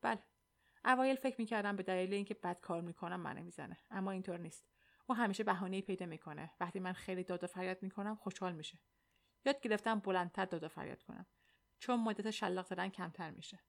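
A woman reading the hushed lines of a gaunt, weary young man who is held as a slave, in an audiobook. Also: gravelly, lightly acted. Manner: low hushed speech.

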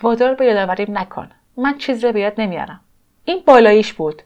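A woman's voice: fairly high pitch, animated, darkish tone, lightly acted. A woman doing a hurt energy creature that begs not to remember, dull sound. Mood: reluctant. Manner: pleading, agitated. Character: pained energy being fleeing old memories.

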